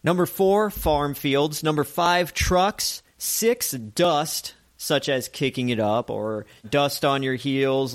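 A man hosting a comedic radio-style show, chatty and animated as he jokes through his segments. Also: on the high side.

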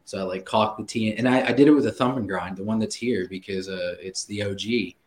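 A man's voice: lowish voice, fairly quick, roomy sound, noisy background. A man telling a story in casual podcast talk, laughing often and swearing freely. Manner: laughing, profane, animated storyteller. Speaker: guest.

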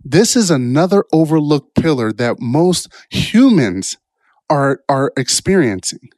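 Here a grown man past college age talks as a motivational speaker, his fairly high voice swinging widely in pitch at a measured pace, a little mellow and echo-free. He rambles reflectively through personal stories in casual self-help fashion, frequently asking "right?"

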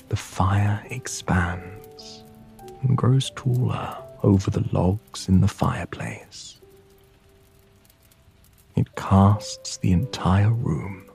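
A man narrating a sleep story in a hushed, soothing, breathy voice that often slips into a whisper, guiding the listener to relax. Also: deep voice. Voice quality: breathy, husky.

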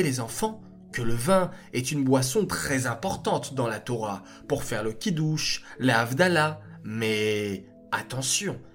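An animated storyteller reading to children. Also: male voice, mid-range voice. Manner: animated and expressive.

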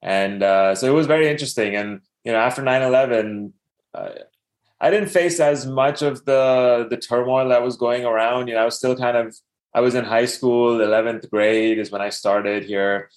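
A man's voice: mid-range voice, fairly even intonation, moderate pace. A man in his thirties from Dubai, a podcast guest telling his life story casually, with many fillers and restarts.

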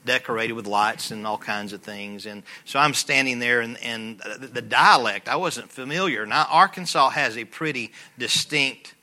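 A middle-aged man with a Southern American accent, preaching a sermon in a folksy, conversational way that rises to loud, fervent peaks. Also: mid-range voice, moderate pace, hardly any pauses. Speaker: pastor.

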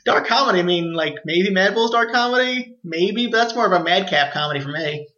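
A man's voice: high-pitched, lively intonation, brisk, pushed and bright. A young man co-hosting a podcast, chatting casually about a film and stumbling over the first words of his sentences. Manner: hesitant, repeats words when starting. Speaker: podcast co-host. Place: apartment with open windows. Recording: roomy, dull lo-fi sound.

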